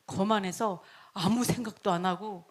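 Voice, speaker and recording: A woman's voice: medium pitch, moderate pace. A woman teaching a Bible story lesson, retelling it dramatically and laughing often as she goes.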